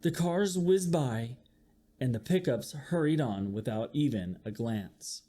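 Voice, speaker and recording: A man reads a children's picture book aloud like a teacher, at medium pitch and a measured pace. He's expressive and animated, acting out sound effects and asking his young listeners questions.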